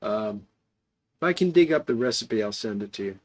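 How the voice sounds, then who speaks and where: A man's voice: fairly low pitch, animated, normal speed. A man hosting an online club hangout, chatting casually and off the cuff as he answers comments from viewers. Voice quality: gravelly, creaky voice. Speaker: host of an online pipe club.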